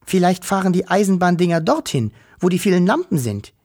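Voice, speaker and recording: Ein Mann spricht Wischel, ein ängstliches kleines Wesen. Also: male voice, high-pitched, big pitch swings, fairly quick, darkish tone, voice pushed up. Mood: hopeful. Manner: anxious, sighing, plaintive. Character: small timid female furry creature with green hair.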